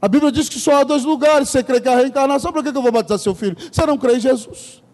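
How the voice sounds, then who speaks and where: A man's voice: very high-pitched, rapid-fire, darkish tone. A man preaching a sermon as pastor, telling stories emphatically and turning often to the congregation. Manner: emphatic storytelling, often addressing the congregation directly. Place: church sanctuary. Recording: long church hall reverb.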